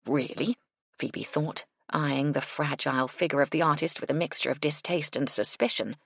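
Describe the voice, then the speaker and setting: A woman narrating a cozy mystery audiobook with a measured, expressive delivery. Her voice is low and gravelly with a husky edge. The sound is close and dry. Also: no echo. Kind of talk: scripted narration.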